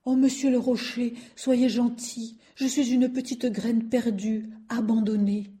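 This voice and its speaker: A woman's voice: fairly high pitch, little pitch movement, unhurried, pitched above the performer's own voice, lightly acted. A woman voicing a small lost seed, timid and pleading, in a storybook reading. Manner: soft, pleading.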